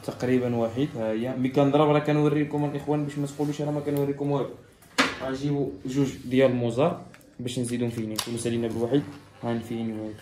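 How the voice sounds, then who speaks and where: A barber with a Moroccan accent gives instructions on a haircut in his shop, repeating every step and talking straight to viewers. His mid-range voice is flat and racing, in an echoey room with a noisy background.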